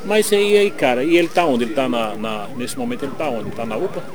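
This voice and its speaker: Fast-talking male street reporter. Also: medium pitch, lively intonation, a crowd in the background. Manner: informal, probing questions. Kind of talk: field interview.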